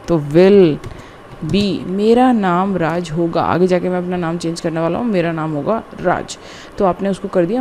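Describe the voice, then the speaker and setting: A woman teaching a grammar lesson, explaining slowly and deliberately word by word, with frequent repetition. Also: fairly low pitch, a little mellow, slight background noise. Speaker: English teacher. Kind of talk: classroom-style grammar lesson.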